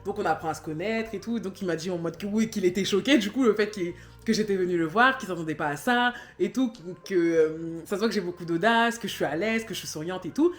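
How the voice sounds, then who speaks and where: A woman in her twenties telling a personal story in a chatty vlog, talking loosely with lots of fillers and animated bursts. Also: medium pitch, fast talker, hardly any pauses, reverberant, soft background music. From Cameroon. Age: 20s. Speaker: vlogger. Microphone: phone camera.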